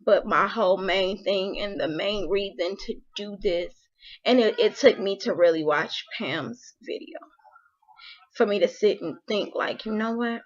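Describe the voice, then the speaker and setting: A woman's voice: medium pitch, unhurried, dull audio. A young woman and mother talking heartfelt and emotional to her viewers, filling her speech with "like". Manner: emotional, heartfelt, frequent "like" fillers. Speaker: vlogger, mother. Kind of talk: casual personal talk to camera.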